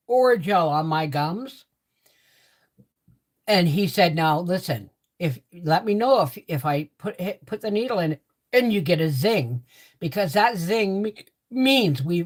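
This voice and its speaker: An older woman chatting casually to viewers in a rambling way, repeating herself, her speech affected by a swollen, sore mouth after having teeth pulled. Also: fairly low pitch. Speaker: livestream host.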